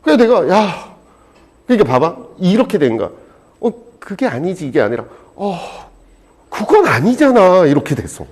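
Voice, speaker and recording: A man teaching a high school exam prep lecture, animated and jokey, swinging between loud and soft. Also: moderate pace. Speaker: Korean language teacher.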